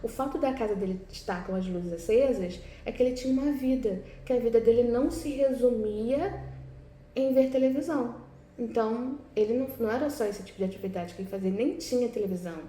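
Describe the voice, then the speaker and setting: A woman's voice: fairly high pitch, fairly quick, dark tone. Brazilian woman teacher, echoey room. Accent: Brazilian Portuguese. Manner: explanatory, frequent "né?" and "tá?" check-ins. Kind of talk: recorded class lesson, correcting exercises. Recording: echoey room with faint background noise.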